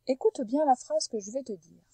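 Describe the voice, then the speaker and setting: A woman teacher giving a phonics lesson to a young pupil, patiently spelling out sounds and stretching words slowly and carefully. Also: high voice, mellow, slightly rough, no echo, low-quality recording. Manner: slow, careful over-articulation of sounds for a child.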